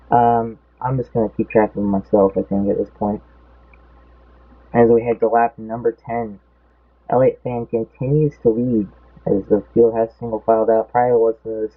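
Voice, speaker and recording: A young man's lowish, husky voice comes through tinny, phone-like audio as he casually talks over a race. Rambling, he loses his count partway through sentences, and something about his voice seems off.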